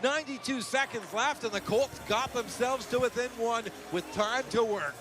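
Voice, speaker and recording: A man's voice: extremely high pitch, normal speed. A man calling hockey play-by-play in short, urgent phrases as the action unfolds. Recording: noisy, distant arena sound. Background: ice rink noise.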